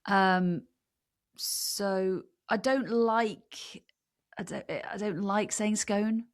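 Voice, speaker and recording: A woman's voice: mid-range voice, very slow. A woman from England co-hosting a podcast, giving firm opinions in a wry, teasing way. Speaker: podcast co-host. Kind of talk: casual chat.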